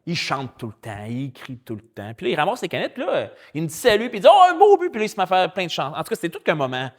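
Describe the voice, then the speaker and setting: A man with a Québécois French accent, a pastor preaching a sermon in a lively, colloquial storytelling way. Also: fairly high pitch, fast talker. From Quebec. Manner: animated, colloquial and chatty, with spoken English slang.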